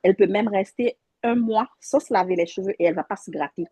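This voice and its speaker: A woman's voice: medium pitch, quick pace, warm tone, slightly rough, no room sound. A woman, a mother and workshop participant, earnestly telling a personal story with frequent restarts. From Haiti. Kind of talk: personal story on a video call.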